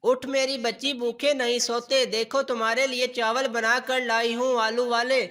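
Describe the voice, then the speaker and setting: A fussing mother scolds and dotes in turn, as a man reads her lines in a family storybook. The voice is very high and bright. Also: flat delivery, normal speed. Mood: tender. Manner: scolding, doting. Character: fussing, strict but tender mother.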